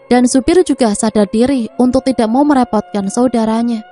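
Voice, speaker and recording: A woman's voice: on the high side, a little fast, mellow. Woman narrating a family story. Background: faint music.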